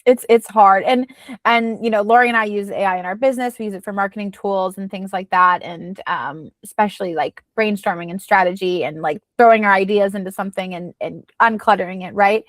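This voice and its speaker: A woman's voice: mid-range voice, fairly quick, no echo. A woman coach giving chatty, casual advice with plenty of fillers. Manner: chatty, advising, many fillers. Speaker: business coach.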